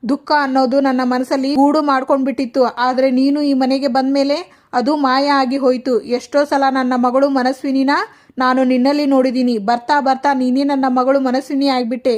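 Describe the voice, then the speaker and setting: A woman's voice: sits high, level tone, fairly quick, darkish tone, natural voice. Woman reading a solemn grieving elder. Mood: heartfelt. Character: grieving elderly father figure of the house.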